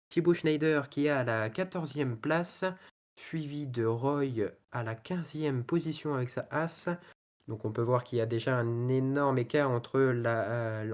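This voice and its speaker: A man's voice: mid-range voice, darkish tone. A man commentating on a motor race in a loosely improvised way, often hesitating as he searches for words. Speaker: motorsport commentator and host of a racing league show.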